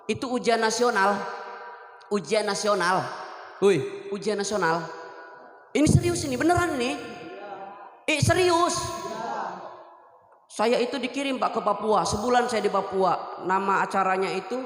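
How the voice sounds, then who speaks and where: A man's voice: sits high, normal speed, pauses often, a bit bright. A young man from Lampung preaching a storytelling sermon, acting out voices and quizzing his audience. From Lampung, Indonesia. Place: religious foundation event hall. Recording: echoey hall with long reverb.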